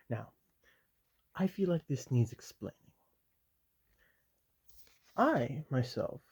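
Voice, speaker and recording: A man voicing a stern, loyal commissar who reads a military handbook aloud in whispered role-play, measured and officious with dry asides. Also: medium pitch, dark tone, slightly rough, exaggerated voice.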